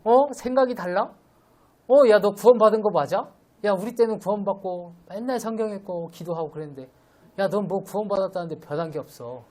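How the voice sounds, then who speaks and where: A man putting on the voice of an exasperated older churchgoer scolding a young believer, needling and higher-pitched. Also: a little slow, pauses often, fairly bright tone.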